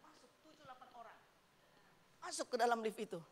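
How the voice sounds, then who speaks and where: A middle-aged woman preaching a sermon with personal stories, telling them in a lively way and often calling out to the congregation. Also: a little high, fairly quick. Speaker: evangelist preacher. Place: church sanctuary. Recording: long reverb of a church hall.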